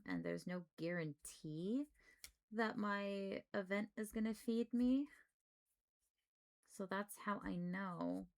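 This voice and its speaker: A woman's voice: medium pitch, vocal fry. A woman livestreamer chatting casually in an informal, rambling way.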